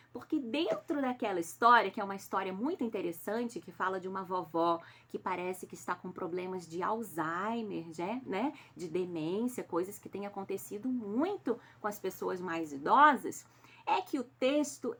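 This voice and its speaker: A woman's voice: medium pitch, a bit bright. A Brazilian woman teacher correcting homework in a recorded class, patient and affectionate, explaining step by step and checking in with her pupils. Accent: Brazilian Portuguese. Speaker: schoolteacher.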